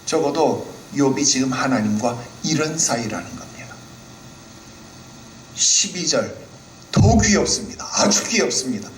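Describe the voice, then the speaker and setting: A man pastor delivering a Sunday sermon in a playful, animated way, often asking the congregation questions. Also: mid-range voice, measured pace, pauses often, reverberant, slight background noise, rough recording. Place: church hall.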